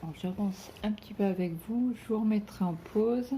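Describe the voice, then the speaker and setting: A woman's voice: mid-range voice, moderate pace, warm tone, a little hiss or hum. A middle-aged woman chatting casually at home as she stitches along with her viewers, thinking aloud and trailing off now and then. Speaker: cross-stitch vlogger.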